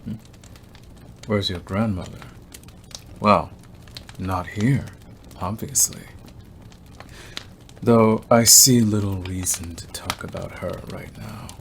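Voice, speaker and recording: A man voices a fixated werewolf stranger for an ASMR roleplay, his speech very deep and slow, sly and intent as he taunts and threatens his prey. Long, deliberate silences punctuate the lines, with noticeable clicky background noise behind him.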